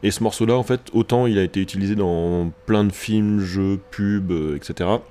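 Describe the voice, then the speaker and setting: A very low-voiced man co-hosting a casual podcast. He jokes with a dry, wry edge, then slows down and stumbles over fillers while he introduces a track. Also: mellow. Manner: wry, halting when presenting tracks. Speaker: podcast co-host.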